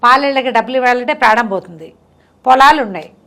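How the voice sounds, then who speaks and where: In a chatty, conversational way, a woman tells folk tales at bedtime, explaining things through repeated lists of detail. She's the storyteller, and her voice is fairly high, animated, quick, and fairly bright.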